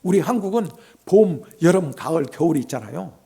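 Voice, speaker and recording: A male missionary preaches in a church, telling a story with a high, husky voice. His pitch leaps around with great animation. He swings between loud exclamations and soft, hushed asides. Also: animated, brisk. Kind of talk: sermon with personal storytelling. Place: church sanctuary.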